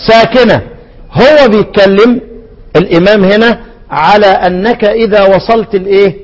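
A man with an Egyptian Arabic accent teaches recitation rules in a high voice. He keeps quizzing his listeners and answering himself, and he lifts his pitch to chant each quoted word. A long reverb trails behind his voice. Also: moderate pace. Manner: asks the class questions and answers them himself, with frequent restarts; chants quoted verse words at a raised pitch. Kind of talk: explanatory lesson on recitation rules.

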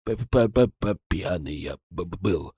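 A man's voice: on the high side, big pitch swings, a little slow, slightly rough, dry recording, heavily acted. A panicky, stammering male merchant in an audiobook, whining and yelping shrilly, as a man puts him on. His voice leaps up and down as he stutters. The sound is dry and close. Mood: cowed.

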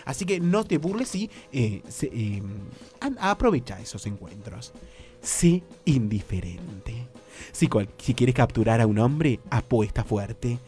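A man's voice: medium pitch, big pitch swings, unhurried, darkish tone, faint music behind. A man with a Rioplatense accent hosting a comic dating-advice bit, camp and theatrical, swooping up into squeals. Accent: Rioplatense Spanish. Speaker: radio comedy host.

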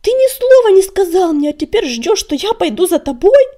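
Resentful striped warrior tomcat, voiced by a woman, loud, reproachful, storybook. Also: on the high side, big pitch swings, normal speed, gravelly, husky, heavily acted. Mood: bitter reproach. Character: striped male warrior cat, hurt, resentful.

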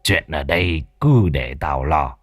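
A gruff, hoarse old village elder with a deep, husky voice, barking orders at the young men of the village, as a storyteller puts him on. He sounds stern and bossy in a spoken ghost story, and the recording is close and dry. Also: animated, a little slow, no echo, heavily acted.

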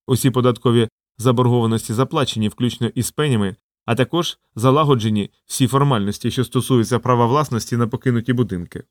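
A man's voice: medium pitch, fast talker, few pauses, darkish tone, no echo, studio quality, lightly acted. A man voicing a blunt, clipped old man.

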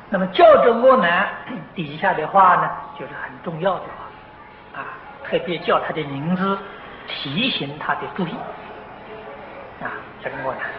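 An older man giving a slow, patient lecture on a Buddhist sutra, filling pauses with drawn-out "ah" sounds and clearing his throat now and then. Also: high-pitched. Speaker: Buddhist teacher. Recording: dull, roomy, noisy old tape of a lecture hall.

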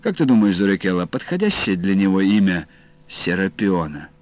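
A man voicing a gruff, mocking, warm-hearted old uncle in an audiobook, talking in slow sardonic banter. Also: deep voice, big pitch swings, dry recording. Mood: gruff teasing. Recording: dull dry studio audio, faint music.

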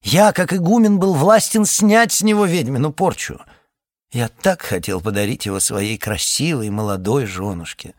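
A man's voice: mid-range voice, animated, normal speed, no room sound, studio quality, natural voice. A man voicing a sly abbot who laments theatrically to trick a ferryman, read as an audiobook. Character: sly male abbot, mock-lamenting, calculating.

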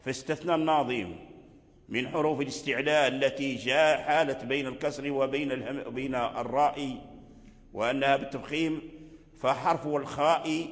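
An older man teaching a religious lesson, explaining a poem line by line in a measured way and repeating phrases for his students. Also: on the high side. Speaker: Quran recitation teacher. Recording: echoey hall reverb.

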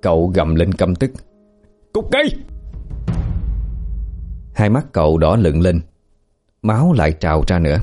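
A man narrating a horror story in a slow, grave storytelling manner. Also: deep voice, mellow. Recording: faint background music.

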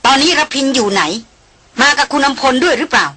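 A woman's voice: high-pitched, lively intonation, voice pushed up. A woman reading an audiobook voices an imperious young noblewoman who fires off scolding, impatient questions. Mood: irritated demanding. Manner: sharp, scolding, rapid-fire questions.

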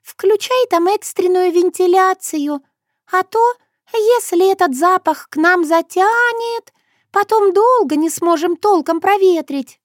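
A woman reading a storybook, voicing a chatty young woman who explains things in a very high, thin voice. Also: measured pace, no room sound, clean studio sound. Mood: urgent.

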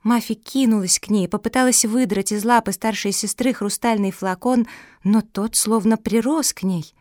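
A woman narrating a children's storybook in an even, clear storytelling manner. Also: medium pitch, moderate pace, no room sound. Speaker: audiobook narrator. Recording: dry close studio sound.

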